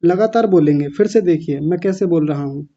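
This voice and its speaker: A man's voice: on the high side, fairly quick, warm tone. A man teaching pronunciation in an online class, breaking words into syllables and correcting students patiently. The audio comes through a slightly muffled online microphone.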